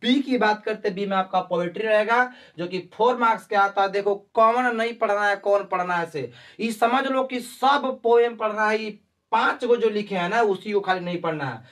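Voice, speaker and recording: A man's voice: high voice, normal speed, fairly bright tone, distant mic. A man teaching a class lesson, often asking rhetorical questions and repeating his points.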